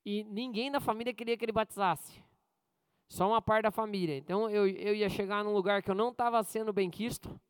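A male pastor giving a conversational sermon with jokes and personal stories, often asking the congregation questions and swinging between loud high bursts and quiet asides. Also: steady tone, brisk, clear, resonant tone, no echo.

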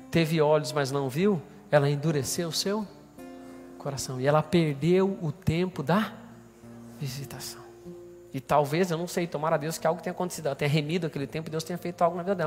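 Man, pastor, Brazilian Portuguese accent, rapid delivery, slightly high voice, reverberant church hall. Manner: animated storytelling, acting out quoted voices. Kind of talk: sermon with storytelling. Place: church hall during a service.

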